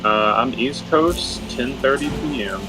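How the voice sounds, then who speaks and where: A man from Cincinnati chatting casually about sim racing in a relaxed, rambling way. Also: medium pitch, unhurried, music in the background, poor audio. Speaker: fellow sim racer. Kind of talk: casual chat.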